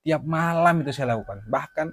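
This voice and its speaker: A man's voice: a little high, lively intonation, brisk, a bit bright, dry recording, studio quality. A man giving an earnest, repetitive religious talk in a casual, conversational way. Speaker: religious speaker.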